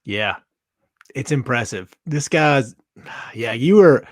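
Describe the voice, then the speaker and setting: A man's voice: mid-range voice, expressive, slow, no room sound, clean studio sound. A man hosting a sports podcast, upbeat and teasing, chatting with his guest. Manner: upbeat, teasing, laughs along. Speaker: podcast host. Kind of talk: casual chat.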